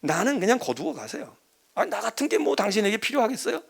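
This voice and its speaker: A preacher doing a sulking self-pitying prophet. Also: male voice, high-pitched, huge pitch swings, fast talker, gravelly, slightly rough, voice pushed up, full character voice. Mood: sulky. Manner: hushed, self-pitying muttering.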